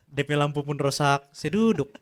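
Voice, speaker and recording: A man's voice: fairly high pitch, unhurried. A man, telling a childhood story in a casual podcast chat and laughing often.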